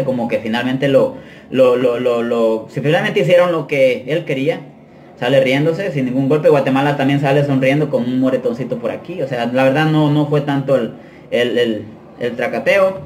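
A man's voice: medium pitch, moderate pace, slight background noise. A man telling a story casually in a vlog, using slang, dropping in English phrases and often restarting his sentences. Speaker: vlogger telling prison stories.

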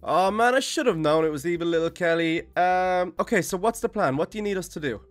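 A man playing a friendly, excitable young turtle teacher in an improvised video game roleplay, chatty and casual. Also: high voice, a little fast, soft background music. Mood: surprised, concerned.

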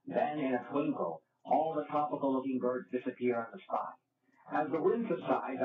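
A man reads aloud from his own fantasy book in earnest, formal wording. His mid-pitched voice comes from far off the mic. The sound is thin and phone-like in an echoing room. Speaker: author reading his book. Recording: distant tinny phone-like sound, echoey, crowd behind.

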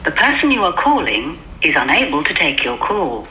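A woman's voice: low voice, very animated, normal speed. A woman giving a formal recorded voicemail announcement, heard over a landline phone. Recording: echoey noisy phone line.

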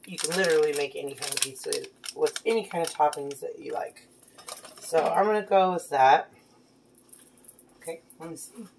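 Speaking at normal speed in a low voice, a mom in her thirties keeps up casual chat while cooking with her daughter in their home kitchen, often praising her. Her phone camera on the counter records background noise and the clear clatter of pans and dishes.

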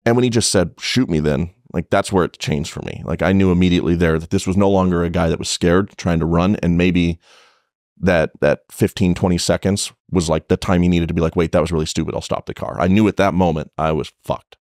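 Deep-voiced blunt cop telling a story. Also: male voice, steady tone, a little fast, a little mellow, no room sound, studio quality. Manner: blunt, profane, retelling with restarts. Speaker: police officer guest. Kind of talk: conversational podcast storytelling.

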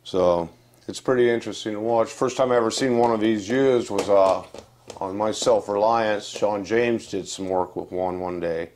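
A man's voice: fairly low pitch, moderate pace, darkish tone, slight background noise. An older man from West Virginia, giving a casual, rambling update to camera from a room indoors on a lapel mic. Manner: plain-spoken, rambling, many fillers and restarts. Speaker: channel host. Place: indoor room with wooden furniture.

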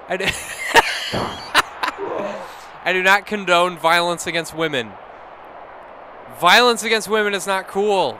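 A drunk man commentating on a wrestling video game, swearing, shouting and laughing at what happens on screen. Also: sits high, very noisy. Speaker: gameplay commentator. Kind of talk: drunk let's-play commentary. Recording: game music behind the voice. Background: video game music.

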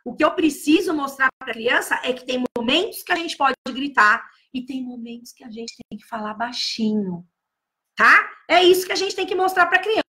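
A woman talks loudly in a high, bright voice, giving casual advice to fellow teachers. She stresses her points by repeating key words over and over. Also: lively intonation, moderate pace. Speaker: early-childhood educator.

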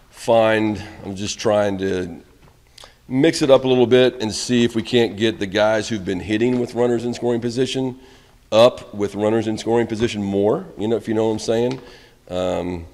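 A man's voice: on the low side, in a large hall. A middle-aged man, a college baseball head coach, answering questions candidly at a postgame press conference, recorded on reporters' mics in a press room. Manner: candid, rambling, trails off quietly at ends of answers. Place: press room in front of a backdrop. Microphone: reporters' phones and handheld mics held close.

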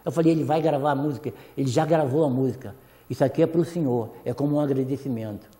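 A man's voice: mid-range voice, fast talker, warm tone, big-room sound. A man guesting on a TV talk show, telling an emotional story full of quoted dialogue. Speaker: songwriter guest.

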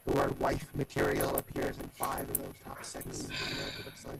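A man in a casual stream chat whose voice comes through as garbled, robotic audio. He reads text in a flat, halting way. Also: very deep voice, gravelly, a crowd in the background, low-quality recording. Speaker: stream participant.

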